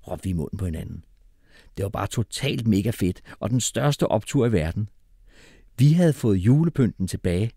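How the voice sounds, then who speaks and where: A man reading an audiobook with expressive, animated storytelling. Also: fairly low pitch, slightly rough, no room sound, clean studio sound. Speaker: audiobook narrator.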